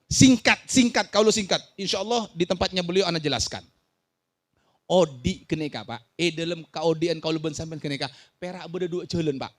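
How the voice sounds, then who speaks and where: A man preaching a sermon to a village gathering. He swings from shouted warnings to quiet asides and often questions and jokes with the audience. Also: on the high side, normal speed. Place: outdoor village religious gathering.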